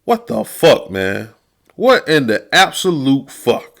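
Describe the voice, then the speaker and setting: A man's voice: mid-range voice, big pitch swings, takes it slowly, vocal fry, a bit bright. A man hosting a podcast, venting about football in a heated, profane, casual rant. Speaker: podcast host.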